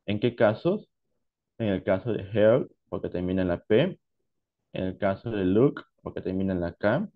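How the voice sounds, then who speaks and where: A man teaching English to Spanish speakers, explaining past tense pronunciation slowly and deliberately, switching between Spanish and English. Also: lowish voice, animated, phone-quality sound. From Peru. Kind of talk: online class lesson.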